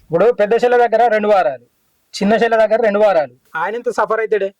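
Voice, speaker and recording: Very fast high-voiced man. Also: darkish tone, no room sound, rough recording. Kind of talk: scripted village comedy acting.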